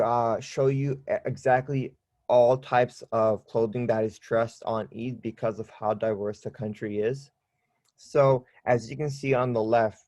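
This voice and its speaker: A man's voice: medium pitch, darkish tone, no room sound. Chatty male student presenter from Pakistan. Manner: conversational, asks for the next slide. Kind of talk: informal slide presentation on a video call.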